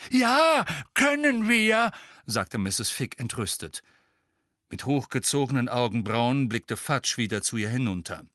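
A man narrates a scripted audiobook in an expressive, storytelling style. His mid-range voice moves at normal speed, recorded dry with studio quality.

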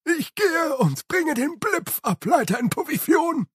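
A man voicing an excitable male servant in an audiobook, with a high, strained, emphatic voice and a dry close sound. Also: measured pace, no echo, full character voice. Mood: eager.

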